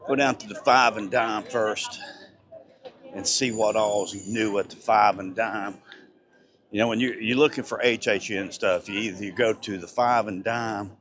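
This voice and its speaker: A man live-streaming as he walks through an outdoor theme park at night, excited and a little breathless, rambling and chatting with passersby on a handheld phone. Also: on the low side, unhurried. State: slightly breathless. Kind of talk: casual walking live-stream chat.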